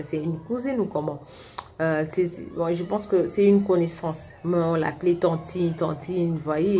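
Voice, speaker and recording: A woman's voice: fairly low pitch, mellow, a little hiss or hum. A middle-aged woman from Kinshasa, a vlogger chatting through a personal story and talking straight to her viewers, often restarting her sentences. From Congo (Kinshasa). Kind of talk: casual storytime monologue.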